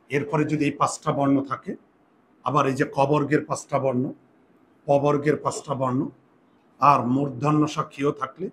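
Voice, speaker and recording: A man's voice: fairly high pitch, slight background noise. A man teaching a Bengali grammar lesson, patiently repeating key points and asking and answering his own questions.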